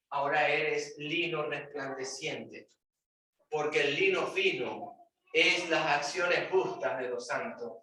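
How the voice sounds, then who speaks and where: A man preaching a sermon in a church hall, emphatic, firing rhetorical questions and swinging between loud and hushed. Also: a little high, recorded from a distance. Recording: very echoey room, voice off-mic.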